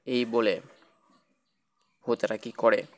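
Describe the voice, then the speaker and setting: A man's voice: mid-range voice, level tone, slow. A man narrating a children's cartoon ghost story in a plain, repetitive storytelling manner.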